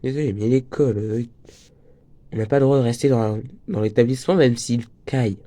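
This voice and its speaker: A man's voice: mid-range voice, brisk, dark tone. A teenage boy with a slight cold and a breaking voice, chatting casually while teaching crochet and wandering off into jokes. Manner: chatty, jokey, wanders off topic. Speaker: crochet tutorial host. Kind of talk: casual tutorial talk.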